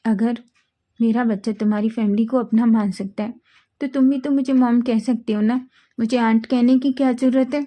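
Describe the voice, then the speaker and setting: A woman's voice: on the high side, fairly even intonation, moderate pace, dark tone, natural voice. A woman voicing a stern, protective middle-aged mother who speaks firmly and warns. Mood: teasing. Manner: firm, warning.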